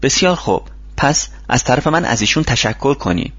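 A man's voice: mid-range voice, breathy edge, lo-fi sound, voice pushed up. A man reading a storybook, voicing an eager, polite young family man who is struggling to get ahead. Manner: polite, excited replies.

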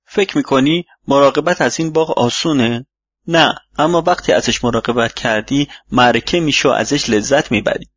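A man voicing a wise older male mentor in an audiobook, speaking calmly and instructively like a father. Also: medium pitch, breathy edge, no room sound. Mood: advising. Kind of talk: audiobook reading. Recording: dull lo-fi recording.

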